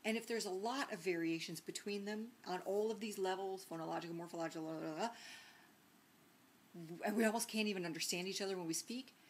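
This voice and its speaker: A woman's voice: mid-range voice, quick pace, hardly any pauses. Woman, teacher, conversational lecture, lots of "right?" and "um", faint background hum. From Northern United States. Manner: conversational, frequent "right?" and "um" fillers. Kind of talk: recorded sociolinguistics lecture.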